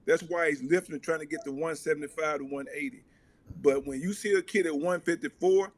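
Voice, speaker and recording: A middle-aged man, a coach and father, talking earnestly in a casual talk show chat and often repeating words. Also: a little high.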